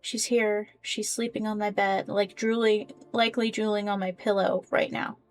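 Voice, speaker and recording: A woman playing a story game, reading the dialogue and journal entries aloud in an expressive, casual way. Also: mid-range voice, moderate pace, faint music behind. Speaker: game player voicing characters.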